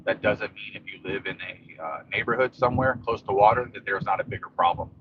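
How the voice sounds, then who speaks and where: A man's voice: fairly low pitch, fairly quick. A man giving a casual, rambling, matter-of-fact live commentary while driving a car through rain. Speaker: local vlogger giving a storm update while driving. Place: inside a moving car in rain. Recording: dull lo-fi audio, steady car and rain noise.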